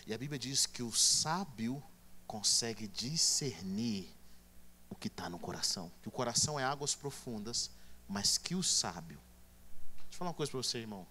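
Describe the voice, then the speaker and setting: Bright-voiced preacher man. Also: medium pitch, lively intonation, moderate pace, a little hiss or hum. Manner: emphatic, swings from hushed to loud. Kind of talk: sermon.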